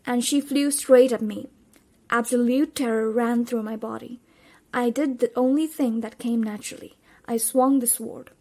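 Woman, audiobook reader, first-person storybook narration, expressive, somewhat high voice.

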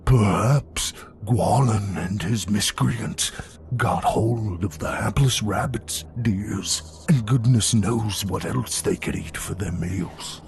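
Man voicing Laren, a slow gruff bossy hero. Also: on the low side, background noise. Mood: stern, slow. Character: stern gruff man, booming, bossy, unafraid.

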